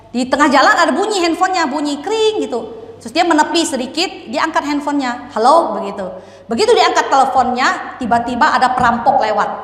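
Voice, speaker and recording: A woman's voice: high voice, fairly bright tone. A woman preacher giving a sermon at a church service. She tells a story, asks the congregation questions and invites them to imagine along with her. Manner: addresses listeners directly and invites them to imagine. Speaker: evangelist preacher. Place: church service in a large hall. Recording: echoey church hall with long reverb.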